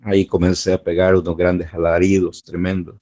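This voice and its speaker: An older man with a Salvadoran accent giving emotional personal testimony, halting and repeating words as he recalls. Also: low-pitched, flat delivery, mellow, dull audio. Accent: Salvadoran Spanish.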